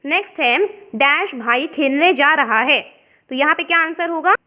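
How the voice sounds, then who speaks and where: High-voiced woman teaching a lesson. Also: moderate pace. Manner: explains step by step, mixing in English words. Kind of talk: worksheet explanation lesson. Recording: dull lo-fi sound.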